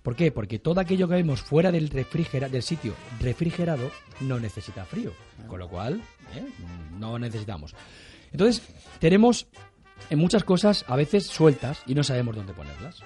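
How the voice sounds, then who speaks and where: A man's voice: medium pitch, sing-song, moderate pace, soft background music. A man hosting a radio show, chatting with guests and giving household tips in a rambling, talkative way. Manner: chatty, rambling, warm-hearted repetitions. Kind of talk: lively radio chat and home tips. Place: radio studio.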